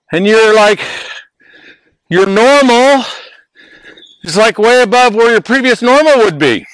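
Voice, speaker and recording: An older man with a high, bright voice talks casually and playfully, pressing his points with repeated hooks. He sounds slightly winded, and the recording is dry and close. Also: no room sound, poor audio. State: slightly out of breath. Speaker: network marketing trainer. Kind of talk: casual motivational vlog.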